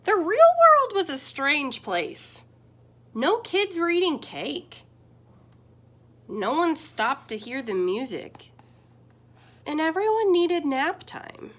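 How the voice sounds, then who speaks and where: Slowly and with frequent pauses, a young woman reads a picture book aloud the way a teacher would. Her delivery is soft and expressive, with large shifts in pitch and loudness.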